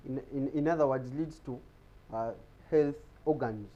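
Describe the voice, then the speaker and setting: A man's voice: medium pitch, normal speed, dark tone, highs cut off. A man giving an explanatory talk on health in a TV studio, often repeating words as he searches for them. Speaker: guest speaker on health.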